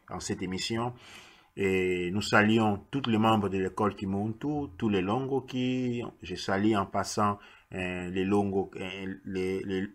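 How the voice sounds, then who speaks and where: A man, a radio host who reads a story aloud in a slow, deliberate way and sometimes stops to restart a phrase. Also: fairly low pitch. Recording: loud hiss, radio broadcast.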